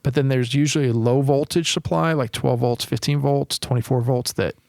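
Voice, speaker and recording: A man's voice: mid-range voice, a little fast, creaky, a little mellow, no room sound, studio quality. A man who repairs guitar amplifiers, chatting as a podcast guest, explaining technical details with lots of fillers and restarts. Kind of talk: casual technical chat.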